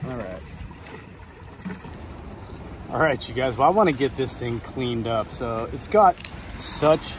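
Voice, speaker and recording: An excited young fishing vlogger narrates casually outdoors on a coastal jetty and grassy shore, exclaiming enthusiastically in a medium-pitched voice while speaking slowly with frequent pauses. A camera mic held at arm's length picks up wind and surf noise.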